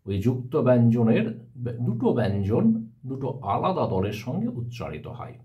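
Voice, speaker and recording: A male teacher giving a step-by-step grammar lesson, often pausing to ask his students rhetorical questions. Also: mid-range voice, big pitch swings, lo-fi sound.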